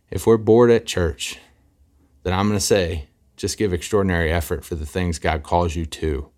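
A man's voice: low voice, dark tone. A man in his thirties preaching a sermon as a pastor, earnestly acting out quoted voices.

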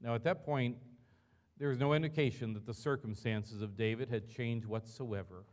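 Male pastor, mid-pitch voice, earnest conversational sermon delivery in a church. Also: steady tone, normal speed, darkish tone. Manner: earnest, conversational preaching with rhetorical questions.

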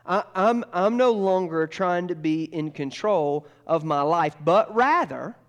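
Male pastor, fairly high voice, earnest sermon delivery with repetition and soft prayer. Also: expressive, unhurried. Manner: earnest, repeats phrases, drops to soft tones in prayer.

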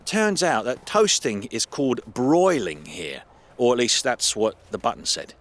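A man voicing a young male artist on a phone call, talking in an animated, playfully teasing way, his voice raised above his narrating tone. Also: medium pitch, measured pace. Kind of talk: audio drama acting.

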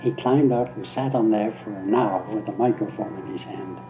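A man's voice: lowish voice, normal speed. An older man, a retired radio engineer, relaxedly reminiscing in an interview with hesitant fillers, heard through a gritty early-microphone sound. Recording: tinny lo-fi archival tape, faint music behind.

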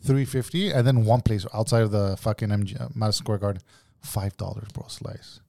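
A man's voice: on the low side, brisk, creaky, warm tone, dry recording. Frat-bro man in dry, close sound. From Quebec, Canada. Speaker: podcast co-host. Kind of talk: casual chat.

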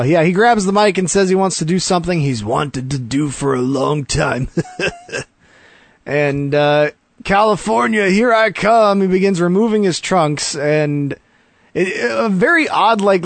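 A man recaps a wrestling show for his co-host in loose, chatty speech full of fillers and easy laughs. His voice runs fairly high for a man and sounds dry and close. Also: a little slow, no room sound. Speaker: podcast co-host.

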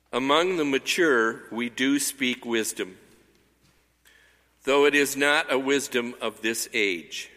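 Slow man reading in cathedral echo. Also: medium pitch, pushed and bright. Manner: slow, measured, deliberate reading. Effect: cathedral echo, long church reverb. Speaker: lector. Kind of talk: liturgical scripture reading. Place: large church. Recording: reverberant church hall.

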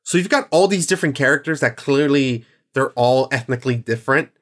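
A man's voice: medium pitch, fairly quick, fairly bright tone. Rambling, enthusiastic male podcast host. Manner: rambling, filler-heavy, enthusiastic. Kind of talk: casual chat.

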